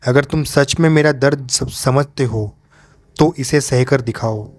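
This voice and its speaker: A man voicing a vengeful, burned woman ghost in a spoken horror story, with a slow, low, menacing delivery. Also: no room sound, clean studio sound, close to an everyday voice. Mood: anguished.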